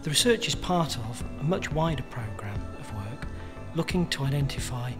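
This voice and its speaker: A man's voice: medium pitch, animated, normal speed. A man speaking as a charity spokesperson, formally explaining research findings. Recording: soft music bed behind the voice.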